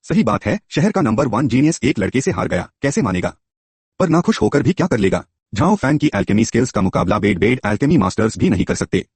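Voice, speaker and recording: A man's voice: mid-range voice, big pitch swings, fast talker, a little mellow, husky, no echo. A man narrating a story in a scripted telling and voicing its characters himself.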